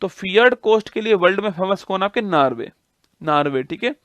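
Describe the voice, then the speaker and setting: A man's voice: high-pitched, expressive, brisk, fairly bright tone, no room sound. A man teaching an online exam-prep geography class, asking questions and answering them himself, repeating key facts over and over. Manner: repetitive drilling, asks and answers own questions.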